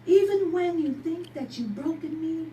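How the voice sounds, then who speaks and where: A woman from Barbados performing a spoken word poem at a live poetry night, in a rhythmic, emphatic delivery that rises into shouts. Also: very high-pitched, normal speed. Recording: echoey room from a distance.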